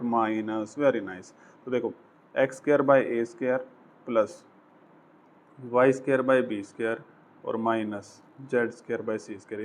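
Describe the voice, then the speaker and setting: A man's voice: medium pitch, slight background noise. A man teaching maths at a whiteboard, chatty and coaxing, talking through each step. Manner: chatty, coaxing, voices the equations as characters.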